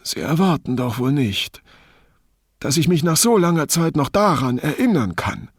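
A man's voice: fairly high pitch, lively intonation, slow, creaky, husky, no echo, studio quality, voice pushed up, heavily acted. Male reader doing a blind schemer: raised, whiny, self-pitying voice. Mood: irritated. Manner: plaintive, martyred.

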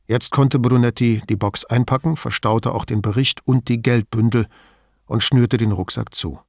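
A man narrating a novel as an audiobook, in an expressive storytelling manner. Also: mid-range voice, moderate pace, gravelly, no room sound, studio quality. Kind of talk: scripted narration.

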